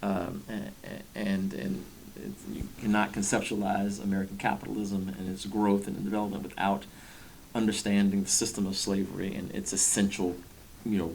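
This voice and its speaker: A man speaking in a documentary interview, thoughtful and halting, with many fillers. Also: low voice, gravelly, a little hiss or hum.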